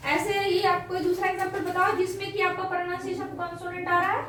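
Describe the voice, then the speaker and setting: A woman's voice: very high-pitched, completely flat delivery, fast, a bit bright. Woman teacher, explains stuff step by step, quizzes the kids, faint background noise. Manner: explains step by step, asks students questions. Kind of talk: classroom grammar lesson. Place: classroom. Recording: echoey room, voice from far off, faint noise.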